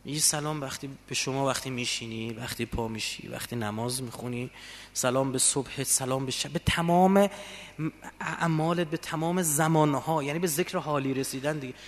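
A man preaching a religious sermon fervently, moving from quiet passages to loud emotional peaks. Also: mid-range voice. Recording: long reverb of a large hall.

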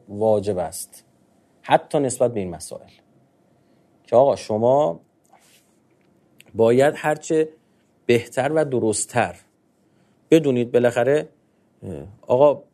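A man's voice: mid-range voice, creaky, dark tone. A man giving a conversational religious talk on marriage. He talks in an informal way with polite fillers, and he keeps asking rhetorical questions and answering them himself.

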